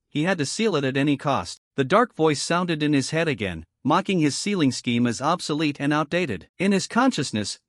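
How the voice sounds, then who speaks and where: Male recap narrator, scripted and even, dry close voice-over. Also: on the high side, dry recording.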